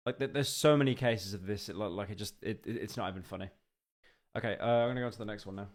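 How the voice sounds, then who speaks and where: A young man reacting on a live stream, rambling with stammered restarts and sudden excited outbursts. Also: lowish voice, fast.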